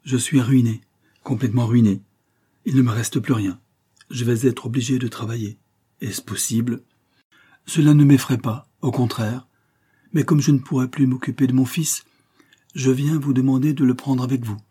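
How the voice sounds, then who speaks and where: A man reading the lines of a young grieving woman, a banker's daughter, with tender, restrained anguish and a husky voice. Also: mid-range voice, steady tone, normal speed, pauses often, dark tone, pitched above the performer's own voice. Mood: grave resolve.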